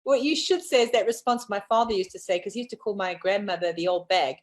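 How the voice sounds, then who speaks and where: A woman hosting a casual live online talk show, bossy and teasing, quick to laugh. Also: medium pitch. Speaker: host. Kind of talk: casual chat.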